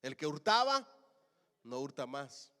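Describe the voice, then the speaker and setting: A man preaching a sermon as pastor, calling the congregation to answer back and swinging between loud and soft lines. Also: mid-range voice, sing-song, unhurried, in a large hall. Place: church.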